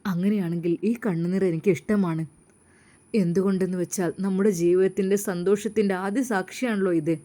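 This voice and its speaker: A loving, earnest young husband from a storybook, voiced by a woman narrator. He speaks in long, gentle, heartfelt lines with a mellow tone. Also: medium pitch, fairly even intonation, brisk, natural voice.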